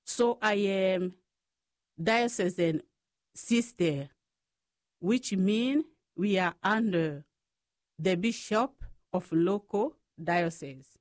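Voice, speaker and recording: Slow-speaking Congolese-born woman. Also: mid-range voice, dry recording, studio quality. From Democratic Republic of the Congo. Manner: slow, careful storytelling. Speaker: guest, Franciscan sister. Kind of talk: radio interview.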